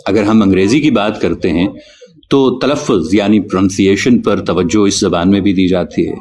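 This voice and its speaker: A man teaching a spoken lesson on correct pronunciation, explaining carefully and spelling out sounds slowly. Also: sits low, darkish tone. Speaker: Urdu teacher.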